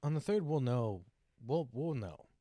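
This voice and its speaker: A man's voice: medium pitch, lively intonation, unhurried, mellow, no echo, clean studio sound. A young man co-hosting a podcast, chatting casually in a slangy, joking way and acting out little quotes. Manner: laid-back, slangy, jokey, acts out quotes. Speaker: podcast co-host. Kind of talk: casual chat.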